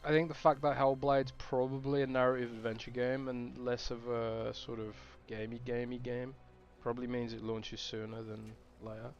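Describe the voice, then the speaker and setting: A man's voice: mid-range voice, flat delivery, normal speed, hardly any pauses, lo-fi sound, soft background music. A man streaming a game, chatting casually and thinking aloud with restarts. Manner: rambling, thinking aloud with fillers.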